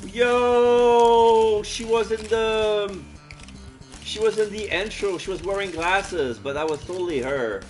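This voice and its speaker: A man's voice: high voice, slow pace. A man playing a game, giving casual commentary and reading its text aloud. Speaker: game streamer. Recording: loud music and rain behind voice. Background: game music and rain sounds.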